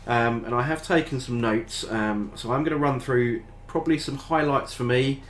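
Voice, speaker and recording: An older British man who hosts a tabletop gaming channel reviews a game book to camera, his voice stuffy and nasal from a head cold. Speaking with a British English accent at a moderate pace in a medium-pitched, slightly bright voice, he rambles casually with lots of ums and uhs, and there's a little hiss or hum.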